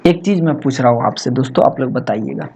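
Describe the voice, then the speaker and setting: A man tutoring students in a lesson, chatty and asking rhetorical questions, slowing down to dictate English phrases. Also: medium pitch, lively intonation, mellow, muffled recording, slight background noise. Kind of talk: Hindi-English exam lesson. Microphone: laptop recording.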